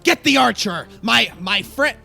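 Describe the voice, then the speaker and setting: A man voicing a panicky male goblin king who shouts orders at his guards in a tabletop role-play. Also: animated, measured pace, vocal fry, soft background music, heavily acted. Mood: urgent. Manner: loud, high and panicky shouting.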